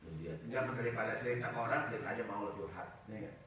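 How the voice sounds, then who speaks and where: A man's voice: medium pitch, fast talker, a crowd in the background. A man giving a casual, humorous sermon as a religious teacher, acting out the complaints of his listeners in raised voices and joking with the audience. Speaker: ustaz giving a study circle talk. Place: mosque hall. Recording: echoey mosque hall from far off.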